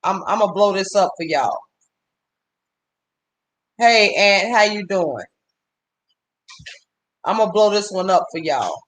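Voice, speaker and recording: A man's voice: high-pitched, animated, takes it slowly, long pauses, fairly bright tone. A man on a livestream, ranting angrily and with lots of swearing while breaking off to greet viewers by name. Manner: profane, heated, stops to greet viewers. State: upset. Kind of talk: angry livestream rant.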